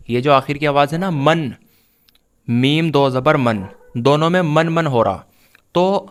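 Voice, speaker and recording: A man teaching a reading lesson, patiently explaining step by step and repeating the sounds in drills. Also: fairly high pitch. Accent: Pakistani Urdu.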